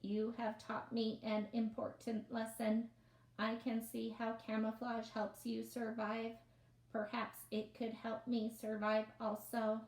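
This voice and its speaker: A woman voicing a calm female robot that speaks in a stiff, formal way. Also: fairly high pitch, slow, reverberant, pitched above the performer's own voice, low-quality recording. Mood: polite, curious. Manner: stiff, even robotic delivery.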